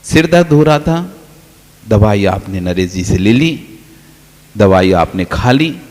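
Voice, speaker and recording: A man's voice: fairly low pitch, lively intonation, takes it slowly, a little mellow. A man, a Jain monk, giving a sermon, telling everyday stories with playful quoted dialogue and the odd laugh. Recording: long reverb of a hall.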